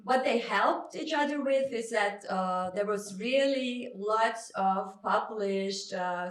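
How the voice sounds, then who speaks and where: A woman historian with a medium-pitched voice gives a semi-spontaneous public academic lecture, speaking in a stop-start, emphatic way. Recorded in an indoor lecture room, the sound is echoey and the microphone sits fairly far away.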